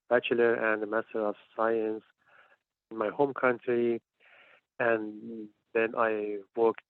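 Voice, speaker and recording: A man in his forties from Iran, a PhD student, speaks as a panelist in a discussion held over the phone. His voice is lowish and has no room sound, coming through a tinny, dry line, and he hesitates and restarts often.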